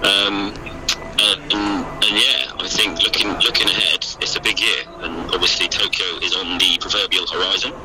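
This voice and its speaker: A man's voice: sits low, steady tone, normal speed. A man with a British accent co-hosting a podcast by phone, chatting in a jokey, rambling, hesitant way. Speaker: podcast co-host and para-athlete. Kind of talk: casual chat. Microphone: phone call. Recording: noisy phone call recording.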